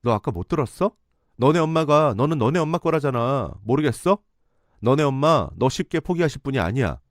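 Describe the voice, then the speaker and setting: A man's voice: mid-range voice, animated, quick pace, dry recording, clean studio sound, voice pushed up, lightly acted. A man voicing an indignant young woman nurse who speaks sharply and defiantly.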